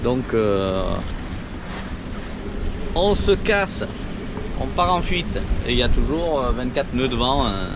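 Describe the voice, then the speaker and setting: A man's voice: medium pitch, animated, slow, pauses often. A man giving casual, colloquial sailing commentary to camera as skipper, outdoors on a boat at sea. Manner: informal, colloquial, talking to camera. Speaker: sailor narrating his own trip as skipper. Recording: wind buffeting the mic, loud boat noise. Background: wind and boat noise.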